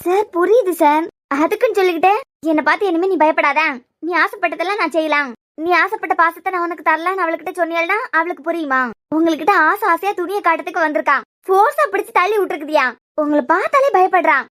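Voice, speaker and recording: A woman's voice: very high voice, quick pace, fairly bright tone, no room sound, clean studio sound. A woman voicing a firm young caretaker in a cartoon, who lectures the father plainly in Kanyakumari Tamil. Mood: scolding. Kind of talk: cartoon voice acting.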